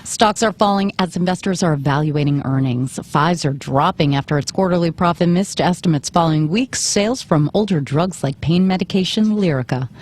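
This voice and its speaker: A woman's voice: lowish voice, brisk, hardly any pauses, a little mellow. A woman delivering a scripted business news report for radio.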